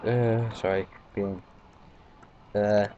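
A man's voice: on the low side, level tone, drawn-out words, dark tone. A man with a British accent giving rambling, casual gameplay commentary, full of fillers and swearing. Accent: British English. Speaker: let's play commentator. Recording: dull lo-fi mic, faint background noise.

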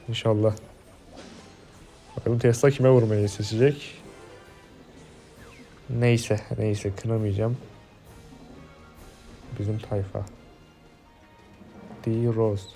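A Turkish-accented man commentating his mobile game casually, cursing and yelling when frustrated. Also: lowish voice, fairly even intonation, slow pace, gravelly, long pauses, faint music behind. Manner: swearing, yells in frustration. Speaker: gaming streamer.

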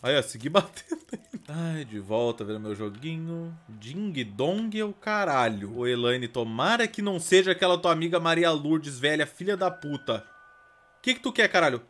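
A man with a Brazilian Portuguese accent giving let's play commentary as a gaming streamer, swearing constantly and breaking into loud outcries. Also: fairly high pitch, moderate pace. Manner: profane, excitable, bursts into loud outcries.

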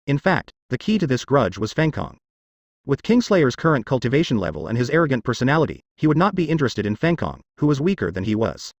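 A man narrating a fantasy audiobook in an even, steady reading. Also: mid-range voice, fast, no echo, studio quality.

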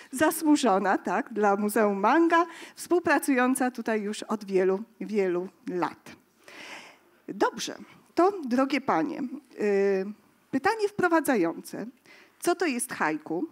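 A woman moderating a panel discussion, making formal introductions with hesitant fillers. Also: medium pitch.

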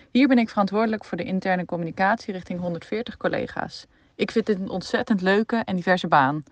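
A young woman in her twenties leaving a voicemail message, talking in a steady, read-out way. Her middle-pitched voice has a gravelly fry to it. The sound is dry and close. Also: no echo. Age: 20s. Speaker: graduate and communications adviser.

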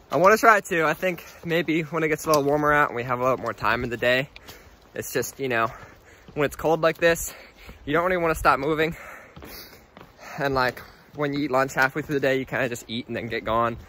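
A man filming a casual hiking vlog outdoors, chatting in a loose, rambling way. His voice is bright and forward at a middling pitch, with faint noise in the background. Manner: chatty, rambling, laughs easily. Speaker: thru-hiker vlogger.

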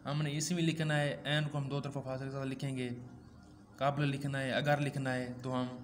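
A man's voice: mid-range voice, level tone, normal speed, a little hiss or hum. A man teaching a braille lesson, patiently repeating each step and reciting dot numbers.

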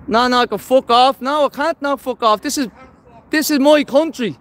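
A man's voice: very high voice, normal speed, fairly bright tone. A man from Dublin with a Dublin accent, vlogging live on the street, blunt and confrontational and swearing a lot. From Dublin, Ireland. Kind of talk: live street vlog commentary. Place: outdoors on city streets at a protest.

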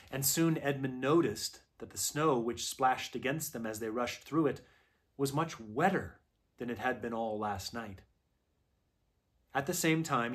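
Man reading a children's story aloud. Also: mid-range voice. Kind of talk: unhurried read-aloud narration.

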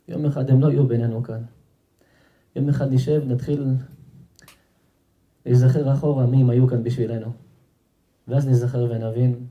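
A man, a rabbi, giving an emphatic sermon to guests at a house-warming gathering, often repeating himself and speaking straight to the crowd. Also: medium pitch, muffled recording. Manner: emphatic, repeats himself, talks directly to the audience. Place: home gathering with an audience.

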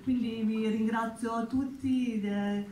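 Woman, visiting delegate, formal thanks, slightly high voice, echoey hall. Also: steady tone, takes it slowly, dark tone. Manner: hesitant, restarts words. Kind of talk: formal thank-you speech. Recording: echoey hall, faint noise.

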